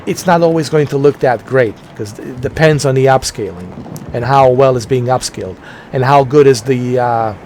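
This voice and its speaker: A man's voice: medium pitch, moderate pace, darkish tone. A man hosting a gaming video, casually explaining technical details and circling back over his points. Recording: faint game noise behind the voice.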